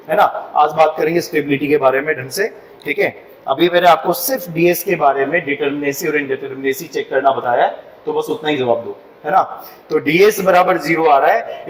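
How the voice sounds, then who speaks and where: A man's voice: a little high, roomy sound, far from the mic, slight background noise, low-quality recording. A man with an Indian accent teaching a civil engineering class, mixing Hindi and English and often asking the students if they follow. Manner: mixes Hindi and English, asks the class frequent checking questions. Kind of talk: classroom lecture.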